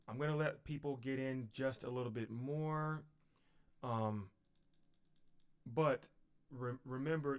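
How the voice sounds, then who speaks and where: A man's voice: mid-range voice, clear, resonant tone. A man teaching on a livestream. He talks unhurriedly, with fillers and repeated phrases.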